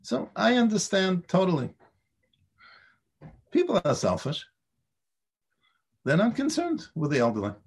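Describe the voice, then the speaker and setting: Man, Torah lecture, stammering, rhetorical questions, lively pitch, breathy tone. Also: unhurried, long pauses. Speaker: Torah teacher. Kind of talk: lecture on Pirkei Avot.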